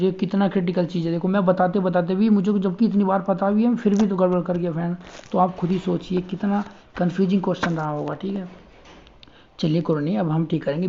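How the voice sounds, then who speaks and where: A chatty male tutor with a soft, mellow tone, talking viewers through spellings one letter at a time. The recording is dull and a little lo-fi, and he keeps calling his audience friends as he explains. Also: sits high. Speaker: online tutor. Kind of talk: casual spelling lesson.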